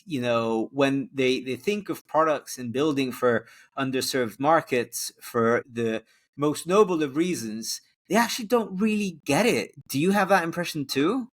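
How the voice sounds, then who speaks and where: A man's voice: medium pitch, unhurried. Podcast host guy, grew up in costa rica and hungary, easygoing, lots of you know. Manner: chatty, thoughtful questions with fillers. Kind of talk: casual interview conversation.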